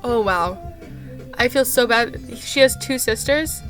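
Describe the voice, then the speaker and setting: A young woman tells a casual vlog story about her day as a camp counselor. Her voice sits a little high and sounds bright and sharp, and she rambles in an exasperated rant full of "like". Soft music plays faintly behind her. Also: slow.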